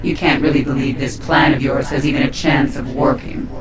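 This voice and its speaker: An actress playing a cold, menacing alien queen in a video game, slow and taunting, with an echoing monstrous effect on her voice. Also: a bass voice, fairly even intonation, loud music behind the voice. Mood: mocking. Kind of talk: video game villain acting. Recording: echoing voice over game score.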